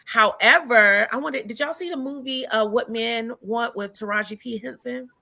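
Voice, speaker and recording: A woman moderating a casual panel discussion, chatty and lively, laughing easily as she hands out questions. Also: a little high, normal speed, creaky.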